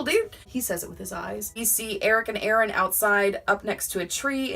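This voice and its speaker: A woman's voice: mid-range voice, fairly bright tone. A woman casually recapping and reviewing a TV episode for her channel, enthusiastic and laughing often. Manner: enthusiastic, laughs often, quotes characters in passing. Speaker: YouTube TV reviewer.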